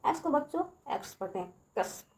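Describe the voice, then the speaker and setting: Female tutor, slightly high voice, patient call-and-response teaching style, echoey room. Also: normal speed, darkish tone. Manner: addresses kids repeatedly, checks with "ठीक है" and quiz questions. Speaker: English teacher. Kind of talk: Hindi classroom-style video lesson.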